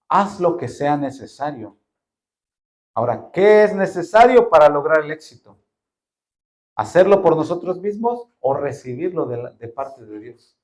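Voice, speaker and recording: A male pastor delivers a sermon in a fairly high voice. He keeps it lively, slipping into short acted exchanges and stacking up rhetorical questions for the congregation. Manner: acts out dialogues, asks rhetorical questions. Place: church.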